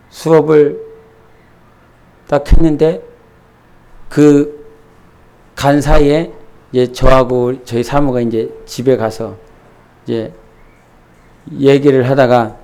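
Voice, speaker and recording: A man's voice: mid-range voice, fairly even intonation, slow, long pauses, a little mellow. A middle-aged man, a pastor, preaching a sermon in church and telling a candid, self-deprecating story full of restarts.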